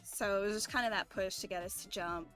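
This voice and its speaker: A woman's voice: medium pitch, fairly even intonation, fairly quick, fairly bright tone. A young woman talking casually on a group stream, telling her story in an earnest, reflective way with plenty of "like". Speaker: member of a streamer group of artists. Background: background music.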